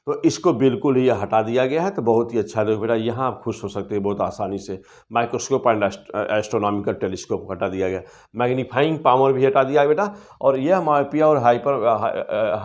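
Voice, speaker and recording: A middle-aged man teaching physics, going through an exam syllabus in a fond, reassuring way and reading out English topic names slowly. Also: medium pitch, a little mellow. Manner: calls students "beta" constantly, reassuring; reads English syllabus terms slowly and deliberately.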